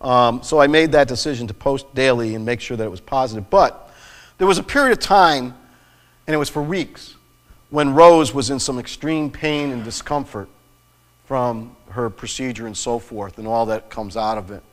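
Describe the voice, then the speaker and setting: A man's voice: medium pitch, normal speed, long reverb tail. A middle-aged man preaching a sermon in a church, telling a personal story in an earnest way with frequent restarts. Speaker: pastor. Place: church sanctuary.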